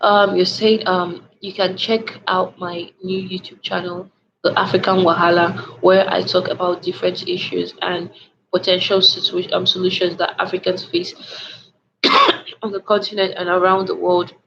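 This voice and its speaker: Young woman, casual livestream storytime, animated, lots of restarts, slightly dull lo-fi audio, faint hiss. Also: lowish voice, moderate pace, creaky. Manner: animated retelling with many restarts and filler words. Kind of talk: casual late-night livestream storytime, reading chat.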